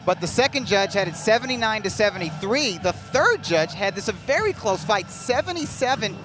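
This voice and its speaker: A man's voice: sits high, very animated, moderate pace, over music. A man giving live boxing analysis as a commentator.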